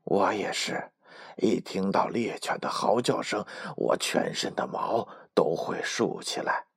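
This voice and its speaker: A man voicing the second fox in a children's storybook, a drooling, jittery male fox who speaks slowly and shakily. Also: lowish voice, lively intonation, sharp tone, breathy edge, heavily acted. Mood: fearful. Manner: slow, drawn-out, shaky.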